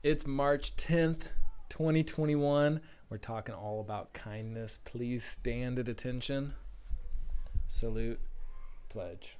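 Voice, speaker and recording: A man's voice: mid-range voice, a little mellow, smooth. Friendly man addressing young schoolchildren. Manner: friendly, encouraging, speaks slowly and simply to kids. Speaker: school principal leading a video assembly. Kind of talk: recorded morning assembly talk to young children.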